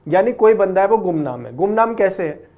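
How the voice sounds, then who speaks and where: A man's voice: high-pitched, animated, fairly quick, a little mellow. A young man teaching vocabulary in a classroom lecture, explaining word roots patiently and often checking with "okay?", with English words mixed into his Hindi.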